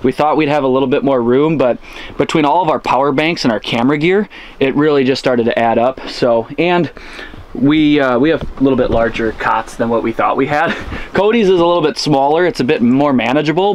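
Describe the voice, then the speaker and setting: A man's voice: medium pitch, expressive, fairly quick. A young man hosting an outdoor vlog on a frozen lake, talking to camera with upbeat enthusiasm. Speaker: outdoor channel host. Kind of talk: energetic vlog presenting. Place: outdoors on a frozen lake, then inside an ice tent.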